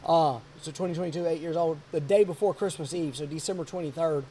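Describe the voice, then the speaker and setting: A man around forty hosting a podcast, telling a hunting story in a rambling, animated way. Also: a little high, quick pace, slight background noise. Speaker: podcast host. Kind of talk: casual chat.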